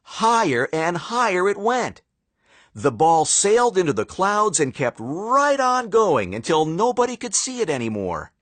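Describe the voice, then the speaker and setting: A man narrating a children's storybook in a playful, animated way, with dramatic pauses. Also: high voice, dry recording.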